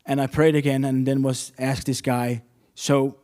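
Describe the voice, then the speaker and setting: A man's voice: medium pitch, flat delivery, a little slow, dark tone. Earnest man preaching a sermon. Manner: earnest, storytelling with non-native English phrasing.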